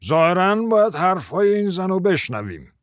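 A man's voice: high-pitched, sing-song, no room sound, clean studio sound, pitched above the performer's own voice. A man voicing an irritable, sarcastic male judge who grumbles his lines in a raised voice. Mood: grumbling.

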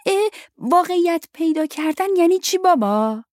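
A woman's voice: extremely high pitch, lively intonation, darkish tone, dry recording, studio quality, voice pushed up. A woman voicing an insistent young boy pestering his father with questions. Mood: pleading.

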